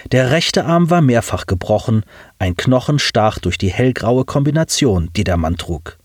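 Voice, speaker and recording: A man narrating a science fiction audiobook in measured, expressive storytelling. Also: mid-range voice, dry recording, studio quality.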